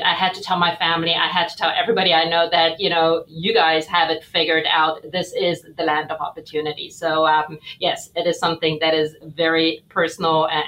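A woman's voice: low voice, a bit bright, poor audio. Upbeat South African woman co-host. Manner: enthusiastic, frequent ums. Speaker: podcast co-host. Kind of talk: casual podcast interview.

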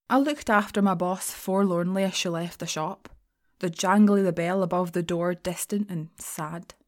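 A woman's voice: medium pitch, darkish tone. A woman with a broad Scottish accent performing a first-person audio drama monologue as a sardonic, sweary, anxious shop assistant, confiding her story wryly. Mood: wistful, wry.

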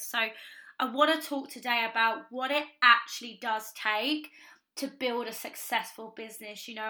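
Still a little hoarse from a party, this podcast host and business coach gushes cheerfully through a casual solo episode. Her young voice sits on the high side and sounds bright, and her talk is sprinkled with "you know" and ums.

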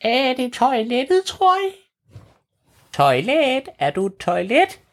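A man voicing a friendly, nervous vampire count in a children's story, in a high, squeaky, fretful voice. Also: huge pitch swings, a bit bright, full character voice. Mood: curious. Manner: fretful, pleading.

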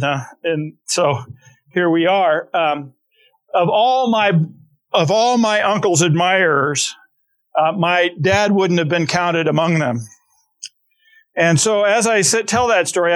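Telling stories with frequent restarts and side comments, a middle-aged pastor delivers a conversational sermon. His voice is high-pitched and a bit bright.

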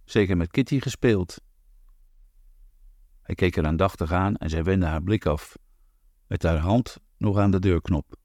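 Deep-voiced man, calm audiobook narrator. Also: normal speed, no echo, studio quality. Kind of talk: scripted narration.

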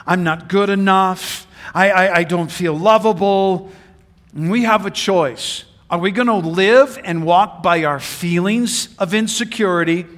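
High, bright-voiced preacher in a reverberant hall. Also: male voice. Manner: swings from loud shouted declarations to hushed intimate delivery. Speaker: pastor. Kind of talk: sermon.

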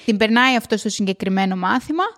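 A woman hosting a motivational podcast at home, talking loudly and emphatically with excitement. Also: medium pitch. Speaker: podcast host. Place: at home alone.

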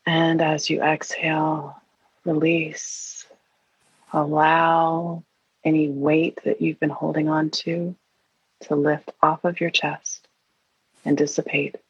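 A woman leading a guided meditation in an airy, breathy, soothing and hushed voice, leaving long pauses. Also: sits low, flat delivery. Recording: roomy, dull lo-fi sound.

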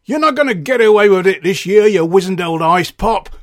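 A defiant troublemaker from the crowd, played by a man reading a children's story. He rattles off his taunts fast and loud. His voice stays close to the teller's own. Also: high voice, animated, voice pushed up.

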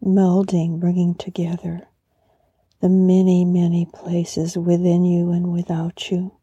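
Very soft, breathy, serene woman guiding meditation. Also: fairly low pitch, completely flat delivery, dry recording, muffled recording. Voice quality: soft, breathy, often near a whisper. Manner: serene, soothing, slow and unhurried. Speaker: podcast host and meditation guide. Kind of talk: guided meditation with poetry reflection.

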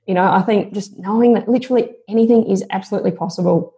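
A woman's voice: medium pitch, fast talker, mellow. A woman guest on a podcast interview, speaking in an earnest, motivational and reflective way.

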